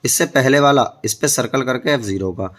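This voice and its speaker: With a medium, slightly bright voice at a moderate pace, an Indian man works through board-exam math problems in a tutoring lesson. He explains each step and keeps checking in with questions for his students.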